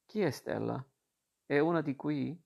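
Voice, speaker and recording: A man's voice: a little high, a little slow, gravelly, darkish tone. Man reading as a shy young stepmother. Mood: questioning. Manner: plain, barely changed reading voice. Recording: dull lo-fi recording.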